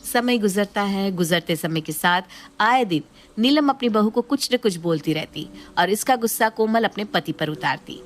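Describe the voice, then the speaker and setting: A woman narrating a scripted cartoon story for children in a lively, expressive way. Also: mid-range voice, moderate pace, slight background noise.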